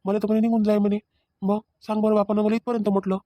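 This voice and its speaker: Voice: mid-range voice, little pitch movement, very fast, warm tone, dry recording, natural voice. A performer voicing a remorseful young husband in a cartoon family drama who pleads and defends himself, speaking. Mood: aggrieved.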